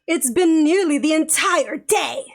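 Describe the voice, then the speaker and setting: A woman's voice: sits high, expressive, gravelly, full character voice. A woman putting on a bratty nasal crow demon. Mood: haughty. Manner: speaks down, slow and lordly. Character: haughty male crow demon, bratty and condescending.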